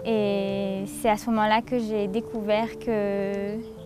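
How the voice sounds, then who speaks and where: A woman in her twenties from Paris, a university student giving an earnest testimonial in a halting way, with many pauses and fillers. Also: mid-range voice, flat delivery. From France, Paris. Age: 20s. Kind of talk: testimonial interview. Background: plucked guitar music.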